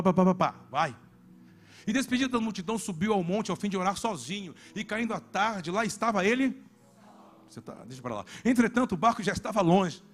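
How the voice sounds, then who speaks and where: A Brazilian man preaching a sermon as a pastor, dropping to low murmurs and then rising to shouted calls. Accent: Brazilian Portuguese.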